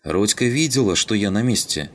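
A man's voice: expressive, normal speed. A man voicing a hot-headed young Estonian man who shrieks in outbursts. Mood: defensive. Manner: shrill, hysterical shouting.

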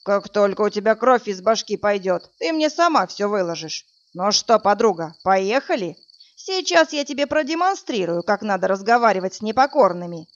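A woman's voice: mid-range voice, sing-song, moderate pace, dull audio, lightly acted. A woman voicing a brutish, drunk male thug who snarls coarse threats, in a read-aloud crime story. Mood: enraged. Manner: menacing, loud, snarling threats.

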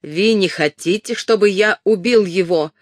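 A boastful, violent Gascon swordsman, as the reader puts him on, drawls his threats slowly and with swagger. The tone stays low and menacing in a dry, close recording. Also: no echo, close to an everyday voice. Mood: bewildered.

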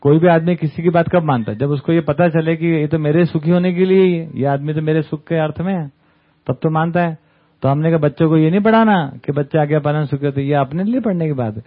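A man gives a relaxed talk to a camp study group, often pausing to check his listeners are following. His voice sits a little high. The sound is narrow and tinny, like a phone line. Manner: conversational, often adds "है ना?" tag questions. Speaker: camp speaker. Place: camp hall with an audience.

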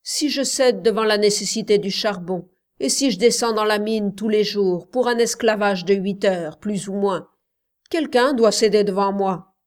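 A woman voicing a stubborn coal miner who speaks slowly, harshly and heavily. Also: medium pitch, darkish tone, lightly acted. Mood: bitter. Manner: slow, harsh, heavy.

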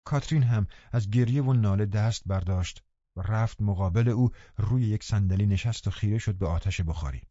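A man narrating a classic novel in a calm, even storytelling manner. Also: on the low side, no room sound, highs cut off. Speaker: audiobook narrator.

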